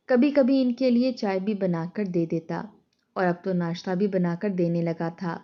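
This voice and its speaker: A woman narrates a heartfelt story in a steady, plain reading voice at a middle pitch. The sound is a little dull and lo-fi, like a modest home recording.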